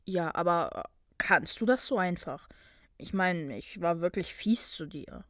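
A woman voicing a brooding young male wizard student, quiet and guilty. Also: normal speed, no room sound, studio quality, close to an everyday voice. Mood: subdued. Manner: quiet, subdued, low murmur.

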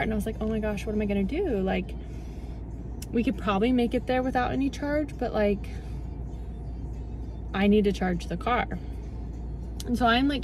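A woman's voice: on the high side, a little mellow, a little hiss or hum. A young woman chatting casually to the camera as a vlogger and mother of twins, rambling and saying "like" a lot, recorded in a parked car on a phone held at arm's length. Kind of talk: casual vlog chat.

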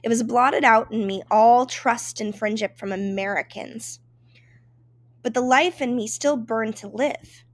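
A woman's voice: fairly high pitch, measured pace, no echo. A woman reading a first-person memoir aloud in an emotive, dramatic storytelling manner. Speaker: reader.

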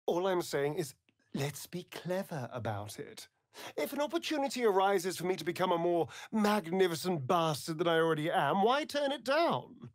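In studio-quality audio with no echo, a British-accented man voices a vain, sardonic, seductive vampire rogue for a fantasy video game. His high-pitched voice swings widely at a normal speed, arch, flamboyant, and mocking, with a smug, seductive mood.

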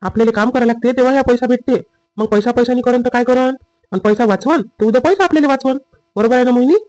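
A man playing a dutiful husband and son in a family drama skit, with a rapid, lecturing manner. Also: very high voice, a little mellow, dry recording, muffled recording.

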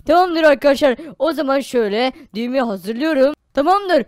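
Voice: high voice, lively intonation, normal speed, dry recording, studio quality. A performer voicing a teasing young male sidekick in a Minecraft role-play, talking in slangy banter.

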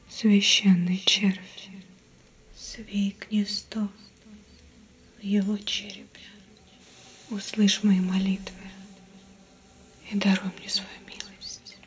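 A young woman voicing a mystical sea-cult priestess in a whispered role-play, speaking in a hushed, solemn, reassuring way over background ambience. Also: medium pitch, level tone, exaggerated voice. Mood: solemn, reverent. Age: young adult. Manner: slow, hushed, reverent, reassuring. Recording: whispered recording with clear background noise, ambience.

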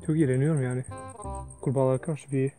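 A man's voice: mid-range voice, fairly even intonation, fast talker, warm tone, soft background music. A man vlogging outdoors while walking through a forest alone, nervous and joking, talking to himself and to viewers. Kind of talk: casual vlog while hiking alone.

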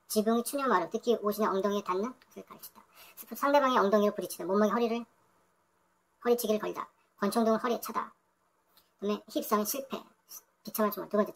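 A woman's voice: medium pitch, very fast. A woman going through English vocabulary entries one by one, repeating each word several times and adding her own remarks. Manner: repeats words over and over, thinks aloud. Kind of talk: reading dictionary entries aloud with comments.

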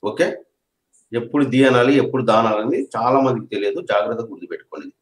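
A man's voice: medium pitch, lively intonation, fast. Man teaching grammar in an echoey room. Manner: repeats points, checks understanding often. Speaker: English teacher. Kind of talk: classroom grammar lesson.

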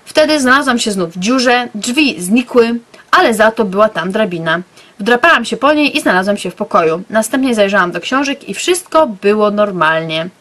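A woman's voice: medium pitch, lively intonation, moderate pace, fairly bright tone. A young woman reading aloud bedtime stories she wrote as a child, in a playful storytelling manner with offhand asides. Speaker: YouTuber.

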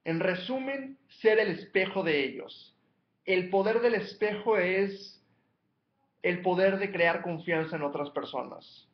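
A man's voice: high voice, measured pace, reverberant, dull audio. A man giving a motivational coaching talk, emphatically counting off numbered steps and repeating his key points. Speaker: life coach.

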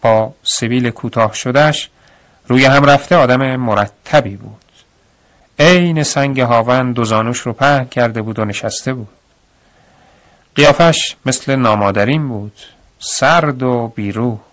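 A man's voice: mid-range voice, a bit bright. Man narrating a radio story.

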